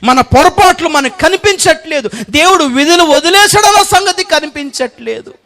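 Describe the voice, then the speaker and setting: A man preaching a sermon, swinging between loud cries and hushed pleading. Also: very high-pitched, lively intonation, normal speed. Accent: Telugu. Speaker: pastor.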